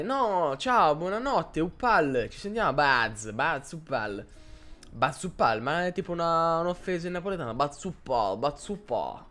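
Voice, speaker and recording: A man's voice: fairly high pitch, a bit bright. A man streaming live, chatting casually and rambling as he answers his chat viewers.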